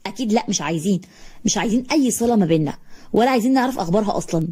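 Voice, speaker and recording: A woman voicing a cold, dismissive Egyptian aunt in a storybook tale, curt and flat. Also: mid-range voice, rapid-fire, slightly rough. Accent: Egyptian Arabic. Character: cold dismissive aunt rejecting orphaned niece.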